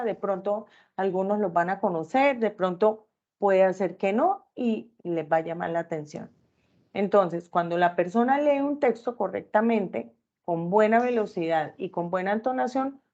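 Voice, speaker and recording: A woman leads an online class at a middle pitch, pausing often to check in with her students. The call audio is dull and lo-fi. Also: a little mellow. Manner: checks in with listeners often with tag questions. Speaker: teacher.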